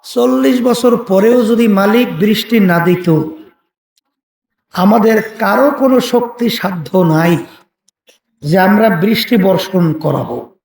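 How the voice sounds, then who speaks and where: A man's voice: high-pitched, slow pace, vocal fry, pauses often, a little mellow. A man preaching an open-air sermon, telling a story and calling out questions for the crowd to answer, with chanted verses. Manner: chants Quranic Arabic verses. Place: outdoor religious gathering on a field. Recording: echoey public address from a distance.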